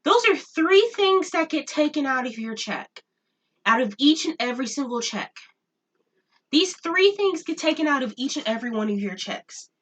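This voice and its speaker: A woman's voice: high-pitched, sing-song, normal speed, far from the mic. A young woman ranting in a casual home vlog, exasperated and repeating her points for emphasis. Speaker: vlogger. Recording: voice a bit off-mic.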